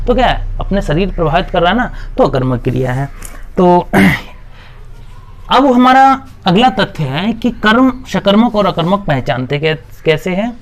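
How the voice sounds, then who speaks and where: A man teaching a Hindi grammar lesson, asking questions and answering them himself, with a frequent "okay" between points. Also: sits high. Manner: repetitive, asks and answers his own questions. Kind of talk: classroom-style video lesson.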